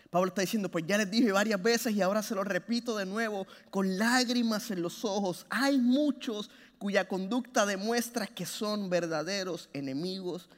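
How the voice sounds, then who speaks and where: A man preaches in a high, bright voice, his words ringing out through a long, echoing hall. He swings between fervent, loud appeals and quiet, low-spoken lines, pressing his listeners with passion. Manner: impassioned, swings from loud urging to hushed low phrases. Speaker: pastor. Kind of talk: sermon.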